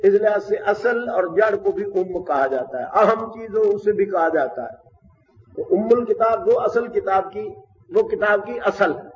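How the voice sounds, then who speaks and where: A man giving a methodical classroom lecture on Arabic grammar, explaining step by step with frequent pauses. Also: high voice, animated. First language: Urdu. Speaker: teacher of Quranic Arabic grammar. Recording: distant, dull, roomy hall with faint hiss.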